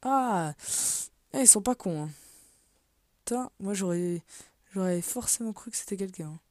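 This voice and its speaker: A woman talks her way through a game in an offhand, muttering let's play style, often sinking to a half-whisper and swearing under her breath. Her voice is mellow and dark, and the recording is dry and close with no room sound. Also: mid-range voice, normal speed, no echo. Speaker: gaming video creator. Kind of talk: casual let's play commentary.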